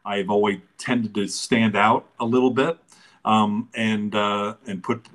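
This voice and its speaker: A man in his sixties talking in a relaxed, thoughtful way as an interview guest, pausing often with fillers. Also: on the low side. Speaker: interview guest, business founder. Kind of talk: casual conversational interview.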